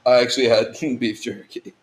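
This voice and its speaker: A young man hosts a relaxed late-night podcast with his friends, his mid-pitched voice easygoing and teasing. He talks through a bout of the hiccups, keeping the chat loose and informal. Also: moderate pace, roomy sound. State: has the hiccups. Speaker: podcast host. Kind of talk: casual chat.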